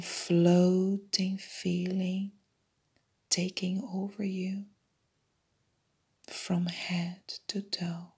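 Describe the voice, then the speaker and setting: A woman guiding a hypnosis meditation in a soft unvoiced whisper, repeating soothing suggestions. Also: on the low side, creaky, breathy edge. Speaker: meditation guide.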